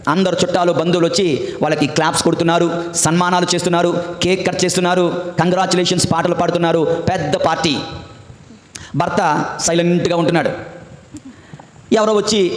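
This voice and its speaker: A man preaches a sermon, with a high voice. He tells stories and keeps coming back to the same refrain. His voice rings out through an echoey church hall with a long reverb. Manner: storytelling preacher with repeated refrains and call-and-response. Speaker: priest.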